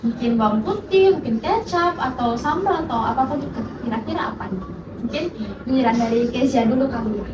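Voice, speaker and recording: A woman acting as assistant moderator of a student focus group, asking questions in a bright, encouraging way. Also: high voice, brisk, lo-fi sound. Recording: echoey room, far from mic, background noise.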